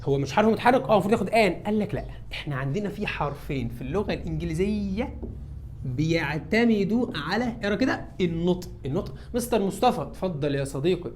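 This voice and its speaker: Teaching English with an Egyptian Arabic accent, this man speaks in a high, expressive voice at a quick pace, and there is a little hiss or hum. During the classroom lesson he answers his own questions and acts out some of his students' lines.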